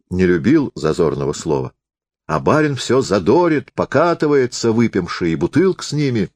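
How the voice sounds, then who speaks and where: A man reading a folksy tale aloud in a warm, conversational storytelling manner. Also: medium pitch, no room sound. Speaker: reader.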